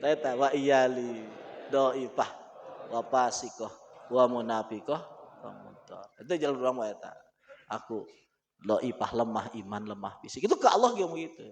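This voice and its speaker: A man with a Sundanese accent teaching an Islamic book study, animated and laughing often as he mixes languages. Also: mid-range voice, moderate pace, long pauses, a little hiss or hum. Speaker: religious teacher.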